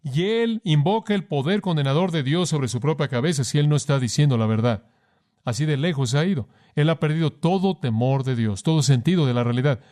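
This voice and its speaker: A man's voice: fairly high pitch, animated, fairly quick, darkish tone. Male preacher, earnest sermon delivery, presses listeners with direct questions.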